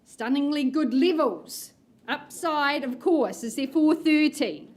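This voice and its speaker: A woman with a high voice runs a live auction. She calls the numbers unhurriedly in a bingo-caller manner, with playful, coaxing patter between bids. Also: expressive, slow, a little mellow. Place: room with bidders present.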